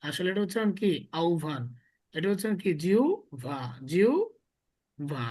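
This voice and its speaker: A man's voice: sits high, lively intonation, moderate pace, darkish tone. A male teacher gives a classroom lesson. He explains patiently, step by step, and keeps drilling his students with repeated questions.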